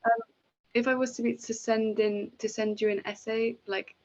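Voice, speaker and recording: A woman's voice: a little high, little pitch movement, moderate pace, a little mellow. A young woman on a video call, chatting in a bubbly, hesitant way with many ums. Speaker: participant. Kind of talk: casual chat on a video call. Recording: dull, muffled video-call audio.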